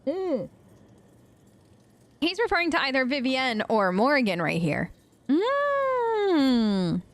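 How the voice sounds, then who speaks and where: A woman hosting a let's play, giving chatty, excitable commentary while she plays and yelping when startled. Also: high-pitched, brisk. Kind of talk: gameplay commentary. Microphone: headphones with mic.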